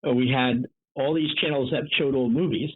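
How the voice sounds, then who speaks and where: A man's voice: medium pitch, moderate pace, husky. 78-year-old man on a tinny line. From North Jersey. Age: 70s. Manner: energetic, chatty storyteller. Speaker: guest. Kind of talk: interview conversation.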